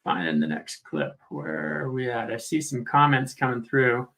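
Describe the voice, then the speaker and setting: Bright-voiced man casually narrating video clips. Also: medium pitch, sing-song, moderate pace, creaky. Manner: thinking aloud, informal narration. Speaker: video host reviewing footage. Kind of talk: casual live commentary over video clips.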